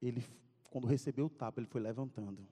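A man's voice: medium pitch, quick pace, husky. A man preaching to a youth service, telling a comic story and acting out scenes. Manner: animated, acts out scenes, calls out to audience. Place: church sanctuary. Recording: long reverb of a church hall.

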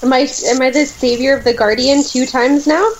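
A woman's voice: sits high, fairly even intonation, fairly quick. A woman guesting on a podcast, chatting casually in a wry, self-deprecating way. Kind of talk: casual chat. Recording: slightly dull, lo-fi audio.

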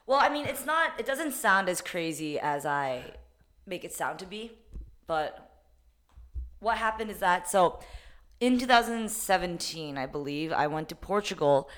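A woman co-hosting a podcast, telling a story in a lively, casual way, swearing often and acting out what people said. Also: fairly low pitch, a little slow. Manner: animated, swears a lot, acts out quoted lines. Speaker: podcast co-host.

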